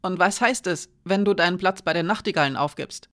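A reader voicing an impulsive young woman who speaks up in urgent, indignant bursts, raised a little higher and louder than the narration. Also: brisk, dry recording, studio quality. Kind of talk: audiobook character reading.

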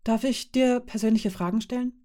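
A woman's voice: on the high side, moderate pace, dark tone, voice pushed up, close to an everyday voice. A woman reading the lines of a curious, polite young woman who asks eager, apologetic questions.

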